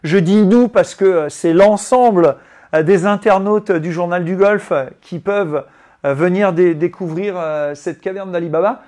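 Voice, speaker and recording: A golf coach from France talks through a live indoor demonstration with a high voice. His manner is relaxed and explanatory. He pauses and hesitates often as he walks viewers through the equipment. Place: indoors, living room with golf simulator.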